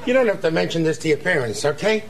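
A man's voice: fairly high pitch, animated, fast, crowd noise. An actor playing a bumbling, eager old magician in a sitcom, with theatrical showman's patter. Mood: showy. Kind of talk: sitcom acting. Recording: noisy studio audience ambience.

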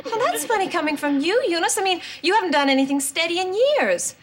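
A woman's voice: very high voice, very animated, a little fast, crowd noise. An actress playing a catty, sarcastic rich woman. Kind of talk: sitcom acting. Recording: distant voice with loud noise.

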